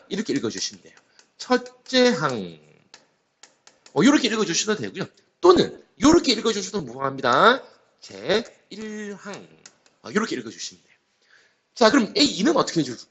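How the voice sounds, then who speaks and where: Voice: medium pitch, fairly bright tone, dull audio. A cram-school math teacher giving a recorded lecture. The teacher explains step by step, keeps starting phrases with "so", and asks questions aloud and then answers them.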